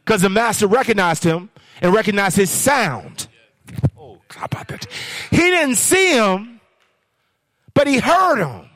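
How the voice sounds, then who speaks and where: High-voiced man preaching with call-and-response. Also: sing-song, unhurried, a bit bright, no room sound. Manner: call-and-response preaching, sing-song rises. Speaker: guest preacher. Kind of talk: sermon.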